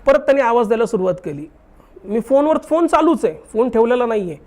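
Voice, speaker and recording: A man's voice: extremely high pitch, fast talker. A young man telling a haunted story in casual chat, acting out the dialogue animatedly. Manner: animated, acts out dialogue in his retelling. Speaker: guest telling a true ghost story.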